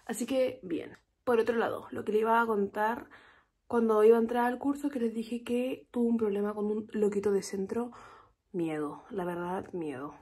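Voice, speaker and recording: A young woman with a Chilean Spanish accent telling a story to camera in a casual, animated vlog. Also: on the high side, normal speed, breathy edge. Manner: chatty, animated storytelling with quoted reactions. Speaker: vlogger.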